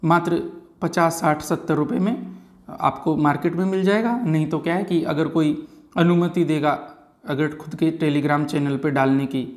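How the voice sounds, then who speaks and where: Teaching grammar to exam candidates, a man with a fairly high-pitched voice repeats key words slowly. He frequently checks in with "है ना" and "ठीक है जी".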